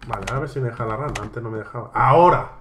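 A man's voice: mid-range voice, very fast, a bit bright, slight background noise. A man with a Spanish accent from Spain commentating a horror game, reading its text aloud and swearing at it. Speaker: let's play gamer. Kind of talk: gameplay commentary. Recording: echoey room with game music.

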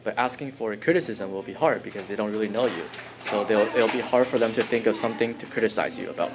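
A man's voice: lowish voice, quick pace. A young man talking earnestly into a phone camera held at arm's length in a campus hallway. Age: young adult. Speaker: vlogger. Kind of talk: casual vlog narration. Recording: noisy phone recording.

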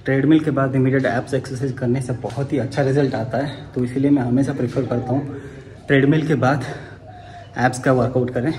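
A man's voice: mid-range voice, steady tone, fairly quick, a little mellow. Man vlogging in an echoey gym. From India. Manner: chatty, coaching, counts breaths during reps. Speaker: fitness vlogger. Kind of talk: casual workout vlog with exercise instructions. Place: indoor gym, large echoey room. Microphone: phone camera, often held at arm's length or set on the floor. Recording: echoey gym, voice often far from the phone, gym noise behind.

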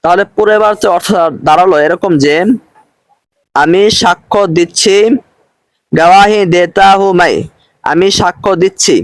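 A man teaching a recorded lesson, explaining slowly and patiently and repeating each phrase with its translation. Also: high-pitched, dry recording.

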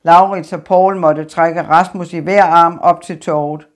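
A woman reading an audiobook in an even, measured narration. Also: on the low side. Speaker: audiobook reader. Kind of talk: scripted narration.

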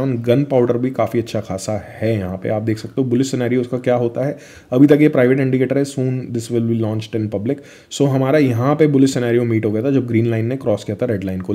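A man's voice: mid-range voice, warm tone. A young man, chatty and casual, walking viewers through crypto charts in a vlog and calling the listener his friend. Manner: chatty Hinglish, addresses viewers as friend, fillers. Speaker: crypto vlogger. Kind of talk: screen-share chart walkthrough.

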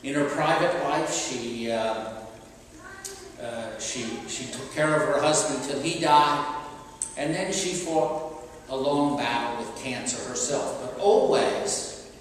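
An older man preaches from a pulpit in a plain, conversational way, pausing on fillers and starting sentences over. His voice sits at an ordinary middle pitch. It reaches a distant camera through the long, echoing reverb of a large church. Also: slight background noise. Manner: conversational, halting with fillers and restarts. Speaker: priest. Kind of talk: sermon. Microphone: stand mic at a pulpit.

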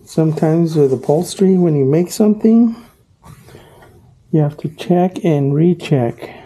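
Middle-aged male craftsman, very dark warm tone, plain practical explainer. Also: on the high side, measured pace, slight background noise. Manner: plain, practical explaining with fillers and self-corrections. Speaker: auto upholsterer teaching his craft. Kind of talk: casual workshop tutorial. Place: upholstery workshop indoors.

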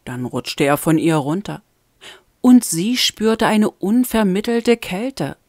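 A woman narrating a fan-made audiobook in a deliberate tone with dramatic rises. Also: medium pitch, lively intonation, darkish tone, dry recording, studio quality. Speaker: audiobook reader.

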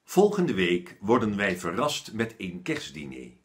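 Kindly bearded schoolteacher read by a man, unhurried, sing-song. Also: fairly low pitch. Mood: friendly. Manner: lively, friendly teacherly voice that turns stern. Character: kind, patient male schoolteacher with a little beard.

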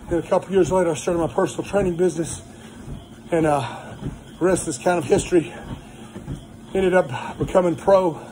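A middle-aged man giving a plainspoken, encouraging motivational talk in short phrases with pauses while on a treadmill. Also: a little high, a little mellow, a little hiss or hum, low-quality recording. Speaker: personal trainer. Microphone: phone propped low in front of him.

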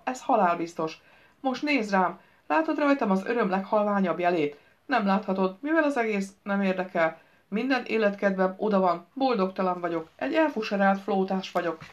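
A young male actor sinks into gloomy self-pity and dramatizes his own failings in a storybook reading, as a woman puts him on. The voice sits at a middle pitch. The recording sounds slightly dull and lo-fi. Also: close to an everyday voice.

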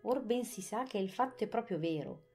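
A woman's voice: mid-range voice, lively intonation, normal speed, dark tone, breathy edge, soft background music. A woman reading an audiobook, voicing a fussy, self-satisfied king. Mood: pondering. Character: fussy pompous King of Hearts, fictional storybook king.

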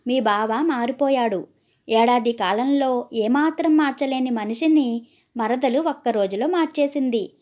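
A woman reading as a gentle, timid wife in a storybook tale, soft and anxious. The voice is high-pitched and mellow. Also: measured pace, lightly acted. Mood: joyful. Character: meek, worried young wife.

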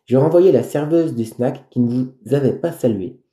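A man's voice: medium pitch, dark tone, lightly acted. A man voicing a stern, formal middle-aged cruise director who lays down the rules. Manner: formal, firm, measured. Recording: roomy echo.

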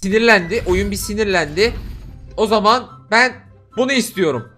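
Brief: male gamer, very high voice, teasing and laughing, game music underneath. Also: animated, normal speed, sharp tone. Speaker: gaming YouTuber. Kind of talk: excited gameplay chat.

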